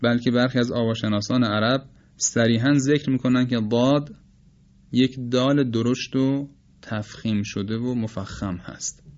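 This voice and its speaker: Male lecturer, Persian speaker, unhurried teaching tone, models sounds slowly, mid-pitched, slightly muffled recording. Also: fairly even intonation, a little mellow. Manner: measured, explanatory, demonstrates sounds slowly. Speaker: teacher of Quranic recitation. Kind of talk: spoken lecture on phonetics.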